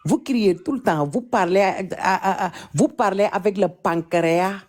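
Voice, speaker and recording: A Senegalese woman with a Senegalese French accent hosts a laid-back live stream chat, teasing and mocking while dragging out repeated words. Her voice is medium in pitch and a touch mellow.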